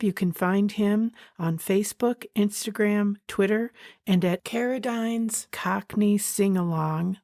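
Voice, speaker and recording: A woman's voice: lowish voice, a little mellow, no room sound. A woman hosting a podcast interview, asking eager, admiring questions and adding friendly asides to listeners. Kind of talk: podcast interview and scripted narration.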